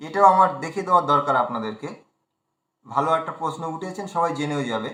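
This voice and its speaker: A man teaching recitation in an online class, repeating syllables slowly and explaining pronunciation. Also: a little high, expressive, bright, forceful tone, echoey room. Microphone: video call.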